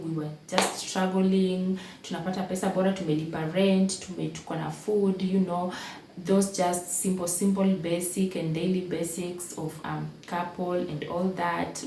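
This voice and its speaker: A woman's voice: lowish voice, mellow, far from the mic. Emotional Kenyan woman telling her story. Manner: emotional, code-switches into Swahili, repeats phrases for emphasis. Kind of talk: casual storytelling to camera. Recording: echoey room, voice a bit off-mic, faint background hum.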